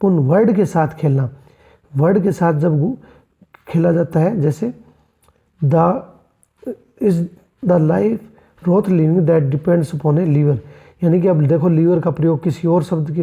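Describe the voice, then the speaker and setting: A teacher works through poetry terms for an exam, posing rhetorical questions and answering them right away. The voice is very dark and mellow. English terms are woven into the explanations, and the students are addressed as friends. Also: medium pitch, moderate pace, muffled recording. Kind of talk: exam-prep lecture.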